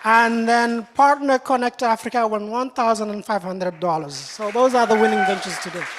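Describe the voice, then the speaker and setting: A woman reading out a list of award winners in a steady way. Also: on the high side, normal speed. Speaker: awards presenter. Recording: hall reverb with crowd noise.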